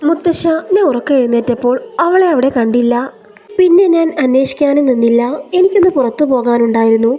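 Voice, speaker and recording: A woman's voice: high-pitched, lively intonation, fairly quick, dark tone. A woman voicing an unhappy young married man who speaks defensively and complains. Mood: frustrated.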